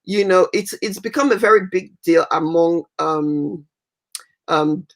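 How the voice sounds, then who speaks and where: A woman's voice: on the low side, measured pace. A woman from Cameroon hosting a livestream interview, enthusiastic and repeating words for emphasis. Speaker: talk show host.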